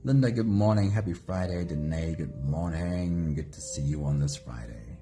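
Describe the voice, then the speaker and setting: A man hosting a live guided meditation, speaking gently and greeting viewers by name. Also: deep voice, moderate pace, music in the background. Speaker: meditation host.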